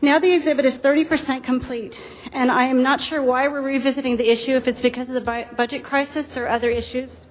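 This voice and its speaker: A woman with a high voice gives public comment at a council meeting. She speaks formally and presses her appeal with earnest urging. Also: level tone, quick pace, low-quality recording.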